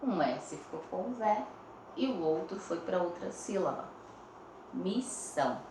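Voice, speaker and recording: A woman teacher with a Brazilian Portuguese accent speaks in a lowish, expressive voice, recorded on a phone in a roomy space with background noise. Teaching young pupils, she goes slowly, stretching words out syllable by syllable and checking in often.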